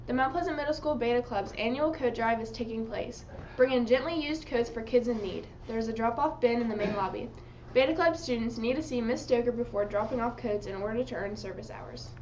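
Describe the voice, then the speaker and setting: A female student announcer reading school morning announcements in a steady, scripted way, with the sound of a school announcement broadcast. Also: on the high side, fairly quick, few pauses. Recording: dull lo-fi school broadcast with faint hiss.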